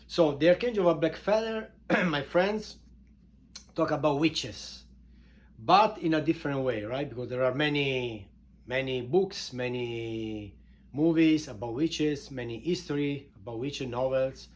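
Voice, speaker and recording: A man from Italy with an Italian accent, informally introducing his book in halting non-native English, repeating words for emphasis. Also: mid-range voice. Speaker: author and show host introducing his book.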